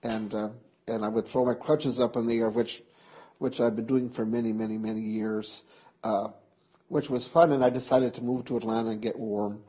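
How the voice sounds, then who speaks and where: A man in his late fifties from Minnesota with a Minnesotan accent, telling stories in a lively, animated way during a recorded conversation with a friend. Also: lowish voice, normal speed, husky, rough recording. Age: 50s. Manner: lively, laughs often, animated storytelling. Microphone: close interview mic.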